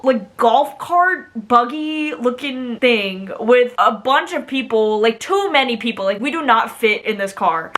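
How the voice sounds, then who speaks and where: Bright, high-voiced young American woman storytelling. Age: young adult. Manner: exasperated, emphatic, rambling storytelling with dramatic asides. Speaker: vlogger telling a personal story. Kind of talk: casual storytime chat.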